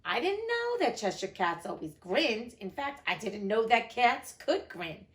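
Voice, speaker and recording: A woman's voice: on the high side, sing-song, unhurried. A woman voicing a polite, earnest young storybook girl who is eager to show off.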